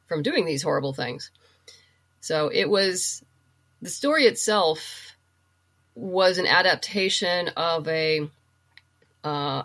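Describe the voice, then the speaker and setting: A middle-aged woman, a writer and producer, chats and explains things casually as a guest on a podcast interview. Her voice is low and a bit bright.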